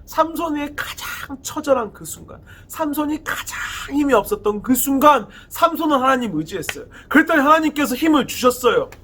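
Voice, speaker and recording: A man's voice: very high voice, lively intonation, brisk, few pauses, fairly bright tone, a little hiss or hum. A man giving a sermon to a youth group, retelling a Bible story dramatically and asking his listeners questions. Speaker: youth pastor.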